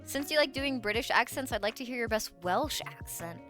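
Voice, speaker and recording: A woman's voice: fairly high pitch, animated, a little fast, a bit bright, soft background music. A woman streamer in casual live-stream chat, playful and giggly, swearing freely.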